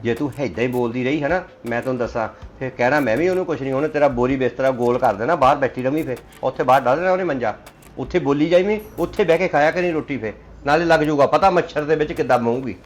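A man's voice: medium pitch, fast, close to an everyday voice. A man with a Punjabi accent playing a son who lectures and warns his elderly mother. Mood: lecturing. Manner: lecturing, warning. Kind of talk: family drama acting.

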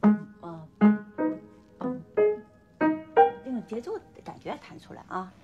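Woman piano teacher, lively voice. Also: on the high side, fast, dull audio. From China. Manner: coaching, sings melodies and hums phrases. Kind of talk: piano masterclass instruction. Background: piano playing.

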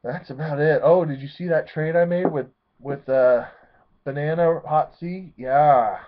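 Man, 30s, excitable rambling league recap, tinny lo-fi webcam sound. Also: on the high side, a little slow, background noise. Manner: rambling, excitable, self-correcting. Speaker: fantasy football league commissioner. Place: small room at home, seated in a leather chair. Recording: tinny, phone-like webcam audio.

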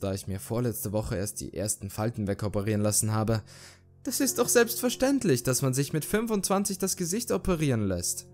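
A man narrates a horror story in a steady, measured reading voice. His pitch sits on the lower side. Faint background music runs under his words.

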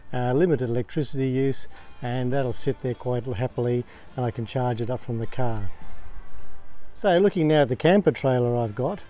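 An Australian camping vlogger chats casually in his backyard beside a caravan, walking a camera around his camping gear. His mellow, medium-pitched voice is plain and unhurried, full of ums and uhs, with faint music playing behind him.

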